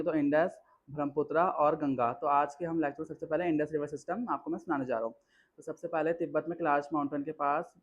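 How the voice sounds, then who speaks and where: A teenage boy recites a school lesson in a fairly high voice, running through long lists from memory and stopping to restart when he loses his place. The recording is dull and lo-fi. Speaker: student presenting a lesson. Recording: dull lo-fi sound.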